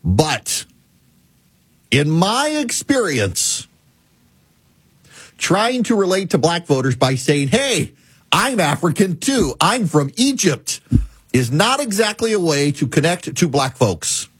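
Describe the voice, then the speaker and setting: A man's voice: a little high, very animated, slow pace, pauses often, a bit bright, slightly rough, no room sound. A middle-aged man from the American South hosting a talk radio show, folksy and sarcastic.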